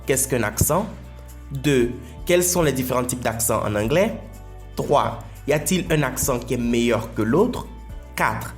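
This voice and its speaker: A man explaining an English lesson in French, patient and repeating his points for emphasis. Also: medium pitch. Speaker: English teacher.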